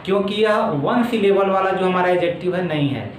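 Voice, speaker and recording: A man teaching English grammar in a video lesson, going slowly step by step and repeating each word form. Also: high voice. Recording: echoey room with faint background noise.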